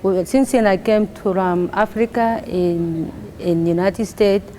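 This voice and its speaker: A woman from South Sudan with a South Sudanese accent, an adult education student who speaks English as a second language, talking haltingly about her classes and repeating words as she searches for them. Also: mid-range voice, mellow, slight background noise. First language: not English. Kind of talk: interview testimony.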